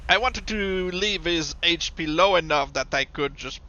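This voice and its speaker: Slow, halting male game commentator. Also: fairly high pitch, pushed and bright, lo-fi sound. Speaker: game streamer. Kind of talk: casual gameplay commentary.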